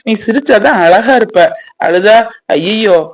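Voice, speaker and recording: A woman voicing a protective young village man in a cartoon, speaking in a with a gentle, reassuring manner. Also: mid-range voice, lively intonation, unhurried, rough recording.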